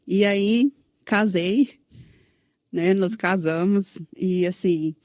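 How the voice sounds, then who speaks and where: A woman's voice: medium pitch, drawn-out words, darkish tone, no echo, clean studio sound. A woman from São Paulo with a Brazilian accent, telling her personal story in an interview and tagging sentences with "né?". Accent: Brazilian Portuguese, São Paulo. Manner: recounts with many "né?" tags and quoted dialogue. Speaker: guest sharing her testimony. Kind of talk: emotional personal testimony.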